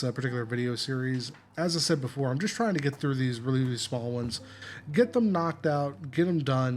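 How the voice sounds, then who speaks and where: A tired man hosting a gameplay video, giving a relaxed, rambling walkthrough and often correcting himself. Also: medium pitch. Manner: rambling, self-correcting, apologetic.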